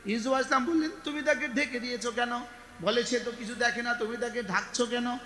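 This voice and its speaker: High bright preacher in an echoey hall. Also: male voice, steady tone, fast talker. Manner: chanting Arabic verses, call-and-response with the crowd. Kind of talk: Islamic sermon. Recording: echoey hall with long reverb.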